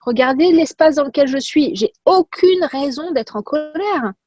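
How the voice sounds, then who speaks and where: With a high voice and a measured pace, a woman who coaches personal development gives an energetic pep talk full of repeated phrases and rhetorical questions. The top frequencies of the audio are cut off.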